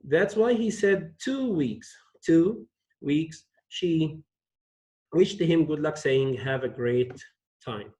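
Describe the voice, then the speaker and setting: A male English teacher slowly explaining a textbook lesson, repeating key phrases for his students. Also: a little high, animated, mellow, low-quality recording. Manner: slow, repeats phrases for learners.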